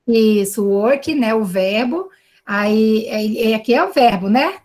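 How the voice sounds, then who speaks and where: A woman's voice: a little high, lively intonation, slow, a little mellow. A woman with a Brazilian Portuguese accent teaching an online class over a video call, explaining patiently and often checking in with tag questions. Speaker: English teacher.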